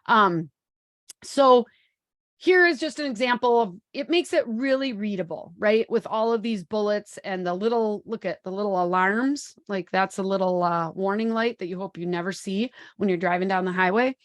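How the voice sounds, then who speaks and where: A woman's voice: mid-range voice, normal speed, no echo. A woman in her forties presenting a live webinar in an upbeat, chatty way, with plenty of ums, speaking into a computer microphone. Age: 40s. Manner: upbeat, chatty, many fillers.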